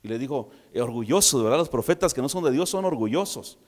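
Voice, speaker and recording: A man from preaching a sermon, retelling a story with lively, humorous asides to his congregation. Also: medium pitch, quick pace, big-room sound. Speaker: pastor.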